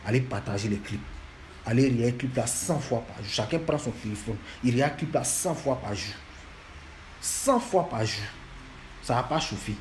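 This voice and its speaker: A man's voice: mid-range voice, lively intonation, normal speed, slight background noise. Scolding man lecturing fans. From Ivory Coast. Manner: scolding, repetitive, emphatic.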